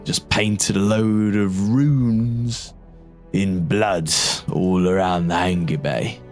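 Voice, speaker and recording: A man's voice: sits low, steady tone, slow pace, a little mellow. A man voicing a gossipy, weary guardsman in an improvised tabletop role-play, rambling and grumbling. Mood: dismissive gossip. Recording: music under the voice.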